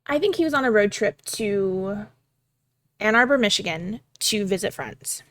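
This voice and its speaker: A woman's voice: medium pitch, animated, measured pace, a bit bright. A young woman casually thinking aloud while she prepares a tabletop game, rambling with many fillers and casual swearing. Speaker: game master prepping a campaign.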